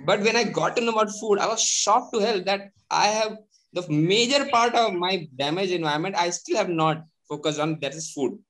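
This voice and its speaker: A man with an Indian English accent, a cafe founder talking earnestly in an interview, pausing often with "uh". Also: sits high, a bit bright, poor audio. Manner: earnest, many hesitations. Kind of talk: video call interview.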